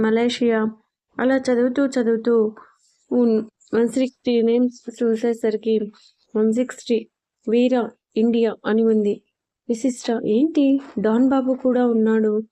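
A woman storyteller reads a serialized romance aloud in a gentle, even manner. Her voice sits slightly high and sounds soft and mellow. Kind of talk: scripted story narration.

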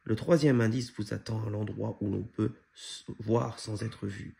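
A man's voice: fairly low pitch, fairly even intonation, measured pace, gravelly, warm tone. A man reading a children's book aloud, voicing a keen young boy who finds the clues. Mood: puzzled. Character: young boy cousin, keen clue-finder.

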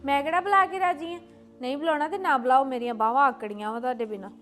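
A feisty young sister-in-law voiced by a woman in a family drama. Her voice sits very high and she talks quickly. She retorts with sharp, biting lines. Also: steady tone, faint music behind. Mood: indignant.

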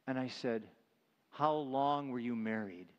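A middle-aged male pastor preaching a sermon with emphasis, who drops to a hush when he retells tender moments. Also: mid-range voice, measured pace, smooth, in a large hall, dull audio. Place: church sanctuary.

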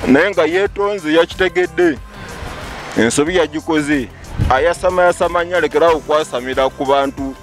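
A man's voice: fairly high pitch, fairly quick. A man answering a street interviewer outdoors, talkative and emphatic, dropping in English phrases. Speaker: passer-by interviewee. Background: music.

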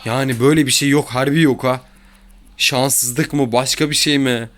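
A man's voice: mid-range voice, fairly even intonation, moderate pace, fairly bright tone. A man giving casual commentary over his own football video game match, grumbling and exasperated about his mistakes and bad luck. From Turkey. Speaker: gaming YouTuber.

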